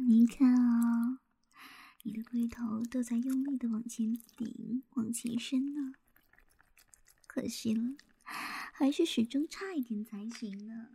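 A young woman in an intimate whispered roleplay, soft, teasing and coaxing, with a breathy voice. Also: on the high side, no echo.

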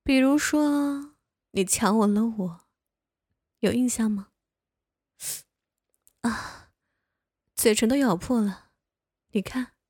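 A woman playing a slow, teasing older neighbor. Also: on the high side, darkish tone, dry recording, studio quality. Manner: playful scolding, coaxing. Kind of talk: one-sided audio role-play to the listener.

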